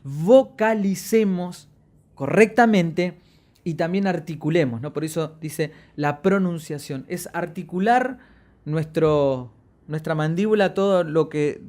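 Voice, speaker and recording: A man giving a voice-training lesson, playing with his pitch and loudness and stretching out key words for emphasis. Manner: expressive, varies pitch and loudness on purpose, drawn-out emphasis. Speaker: voice and media instructor. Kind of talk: lecture on voice projection.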